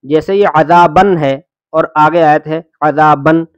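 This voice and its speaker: A man teaching Quran reading, spelling out letters and vowel marks slowly and patiently, then blending them into words and correcting common student mistakes. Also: on the high side, fairly even intonation, clean tone, no room sound, highs cut off. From India. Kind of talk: slow syllable-by-syllable Quran reading lesson.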